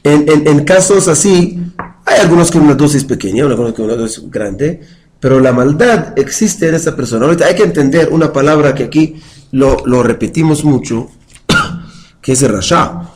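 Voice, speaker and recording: Male teacher, fairly high voice, patient lecture style with questions to the class and chanted verses. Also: animated, normal speed, a little mellow, poor audio. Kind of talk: religious study lecture with a live class.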